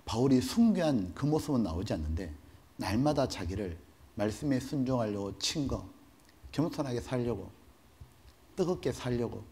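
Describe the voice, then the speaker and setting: A man's voice: medium pitch, normal speed. A male pastor delivering a sermon, telling stories animatedly and asking the congregation rhetorical questions. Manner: animated, storytelling, mock-dramatic. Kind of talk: sermon with dramatized storytelling.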